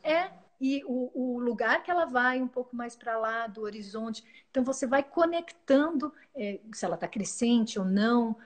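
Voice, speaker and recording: A woman speaks as a guest in an earnest, reflective way. Her voice sits a little high, and she often breaks off and restarts words mid-phrase. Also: animated, normal speed. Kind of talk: reflective spiritual talk.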